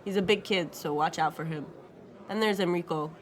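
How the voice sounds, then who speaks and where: A woman's voice: lowish voice, moderate pace, lightly acted. A woman voicing an aging male thief and doting father with a Spanish accent, confident and teasing.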